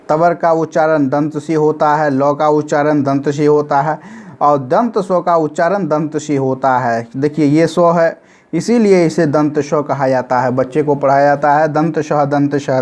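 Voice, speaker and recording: A man gives a recorded grammar lesson in a voice a little higher than most men's. He drills short memory formulas by chanting them slowly, over and over, and asks listeners to say them along with him. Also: darkish tone. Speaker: grammar teacher. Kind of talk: classroom-style recorded lesson.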